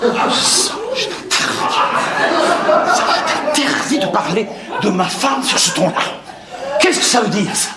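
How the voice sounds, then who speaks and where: An actor playing an exasperated cheating husband in a live stage farce, spluttering and shouting in indignation. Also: male voice, high voice, big pitch swings, unhurried, pauses often, a loud crowd. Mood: indignant. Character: exasperated cheating husband, middle-aged man. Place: theater stage with live audience. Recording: roomy theater, loud audience laughter.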